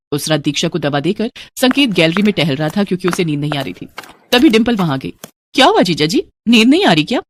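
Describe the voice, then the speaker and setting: A woman narrating a dramatic story in an expressive, scripted way. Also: medium pitch.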